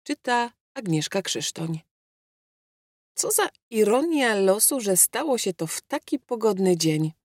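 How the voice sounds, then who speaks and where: A woman narrating an audiobook in a measured, reflective way, close to a studio mic. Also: medium pitch, big pitch swings, dry recording. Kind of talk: scripted narration.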